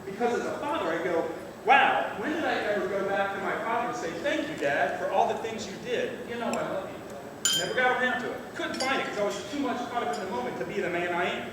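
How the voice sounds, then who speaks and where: A middle-aged man gives an informal father of the bride speech, plain-spoken, salty and emotional, with halting delivery. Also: high voice, lively intonation. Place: large reverberant reception room indoors. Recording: echoey hall, distant mic, noisy room.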